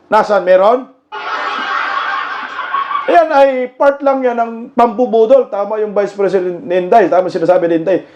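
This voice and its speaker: High-voiced mocking man. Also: moderate pace, pauses often. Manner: mocking, laughs often, bursts into shouts. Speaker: political commentary vlogger. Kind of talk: casual political commentary. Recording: dull lo-fi with clear background noise.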